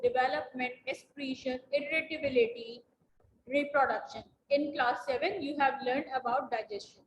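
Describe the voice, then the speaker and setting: A woman with a high voice gives a biology lesson over a video call, repeating each definition patiently for her students. She sounds echoey in the room, with faint noise behind her. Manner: patient, repeats key points, addresses students as "beta". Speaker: biology teacher. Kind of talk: online class lecture.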